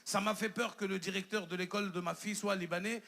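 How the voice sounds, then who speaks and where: A man in his thirties with an Ivorian French accent, doing stand-up comedy on a theater stage and telling stories with animated quoted voices. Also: high voice, quick pace.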